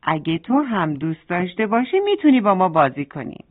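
A woman voicing a playful, friendly rabbit in a bedtime story, chatty and lively. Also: fairly low pitch. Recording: tinny phone-like sound.

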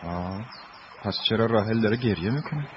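A man voicing a kind adult who gently teases two children, in a dubbed film. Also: fairly low pitch, animated, lightly acted. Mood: gentle. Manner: playful, gently teasing. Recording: dull lo-fi audio, faint hiss.

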